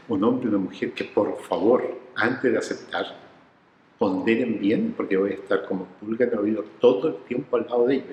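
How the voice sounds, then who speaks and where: A man's voice: on the low side, echoey room, long reverb tail, slight background noise, rough recording. A man, telling his research stories in an interview and acting out the people he quotes. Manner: animated storyteller who acts out quoted voices. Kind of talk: reflective storytelling interview.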